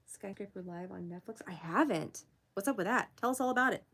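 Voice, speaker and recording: A young woman hosting a casual art livestream, chatting with viewers as she works, giggling often and jumping up high to greet people. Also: brisk, fairly bright tone, slightly rough. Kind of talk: casual livestream chat while drawing.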